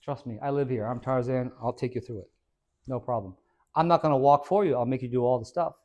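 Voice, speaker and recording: The man speaking is a fitness trainer addressing a small audience indoors at a hair and skin salon, his mid-range voice fairly quick and the recording's highs cut off. Informal and energetic, he questions listeners and adds "right?" to many points.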